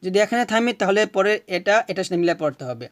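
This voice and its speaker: A man teaching Quran recitation, chanting verses slowly and explaining each rule patiently, asking questions and answering them himself. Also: high-pitched, lively intonation, no room sound, clean studio sound. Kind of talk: recitation lesson.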